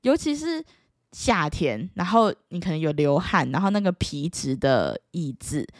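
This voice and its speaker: A woman's voice: low voice, a little slow, no room sound, studio quality. A young woman with a Taiwanese Mandarin accent, telling her own stories in a casual, exasperated way and acting out the dialogue. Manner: exasperated, animated, acts out quoted dialogue. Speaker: vlogger. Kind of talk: casual storytelling to camera.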